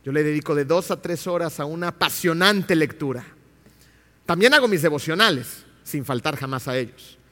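A preacher putting on a smug bragging churchgoer. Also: male voice, fairly high pitch, animated, moderate pace, fairly bright tone, long reverb tail. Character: boastful self-righteous male churchgoer.

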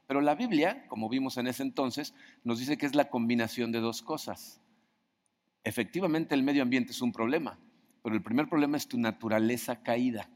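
A man's voice: mid-range voice, fairly quick, darkish tone. A man preaching a sermon in a conversational way, often asking his audience questions. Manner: conversational, asks the audience questions, acts out quoted voices. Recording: long hall reverb.

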